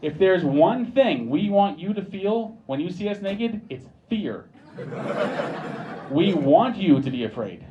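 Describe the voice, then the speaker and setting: A young American man does a stand-up set on a pub comedy stage, his delivery dry and wry with mock-sincere asides. His voice sits high with big pitch swings at a measured pace. The live recording has its highs cut off and a noisy background of audience laughter.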